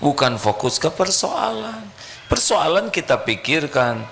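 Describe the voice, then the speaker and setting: A man's voice: on the high side, very animated, a little slow, creaky, fairly bright tone, a little hiss or hum. A male preacher, giving a sermon and playfully quizzing his audience. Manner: playful, questioning the audience directly.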